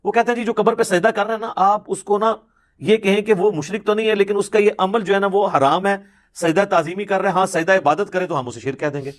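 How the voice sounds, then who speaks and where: The speaker is a man whose voice sits high and who has a Pakistani Punjabi accent. He lectures informally on religion in an argumentative, emphatic, rhetorical manner.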